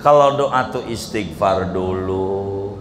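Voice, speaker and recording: A man with a Betawi Jakarta accent preaches at an unhurried pace, joking and colloquial, with sudden loud outbursts and near-whispered asides. His voice rings through a large, reverberant hall, with a faint hum of ambience behind him. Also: sits low. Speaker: Islamic preacher. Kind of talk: sermon. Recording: echoey hall recording from a distance.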